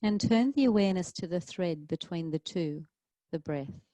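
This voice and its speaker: The sound here is close-miked and very dry, with no room around it whatsoever. A yoga teacher, a woman with a low, mellow, soft-edged voice, calmly and soothingly guides a relaxation class, pausing at length between her gentle instructions.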